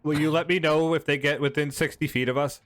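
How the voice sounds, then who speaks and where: A man's voice: a little high, steady tone, fast talker, a bit bright, no room sound, soft background music. A man playing a tabletop role-playing game, chatting casually with the other players.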